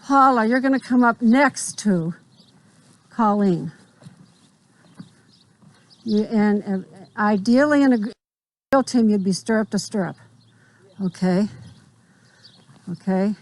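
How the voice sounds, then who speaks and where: A woman's voice: mid-range voice, takes it slowly, long pauses. A woman riding instructor outdoors, explaining drill directions firmly and checking that her riders understand. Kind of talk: spontaneous hands-on instruction.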